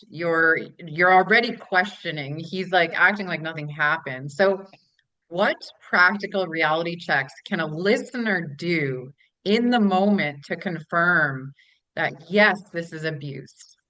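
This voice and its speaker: A woman's voice: on the low side, a little slow, sharp tone, dry recording. A woman hosting a podcast interview, asking supportive, reflective questions. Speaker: podcast host. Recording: dry, dull lo-fi sound.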